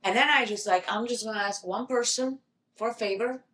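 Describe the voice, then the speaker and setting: Animated Italian woman telling stories. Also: a little high, brisk. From Italy. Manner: animated, acts out quoted dialogue, laughs often. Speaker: guest, actress and model. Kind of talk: casual interview storytelling. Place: podcast studio. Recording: roomy echo.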